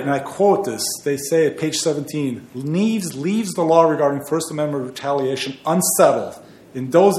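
Male attorney, higher-pitched, earnest and emphatic oral argument, recorded in a reverberant courtroom. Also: a little mellow. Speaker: appellate attorney. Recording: echoey courtroom.

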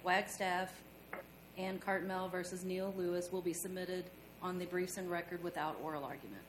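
A woman's voice: fairly even intonation, moderate pace, reverberant. A woman working as a court clerk, reading out a docket in a formal, procedural way. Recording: noisy room with low rumble.

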